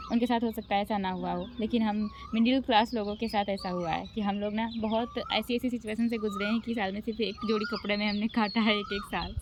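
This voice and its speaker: A young woman vlogging casually at home, soft and emotional as she reflects, still recovering from being unwell. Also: mid-range voice, background noise. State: recovering from illness. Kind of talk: casual vlog talk to camera. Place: at home, near singing birds. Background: birds chirping.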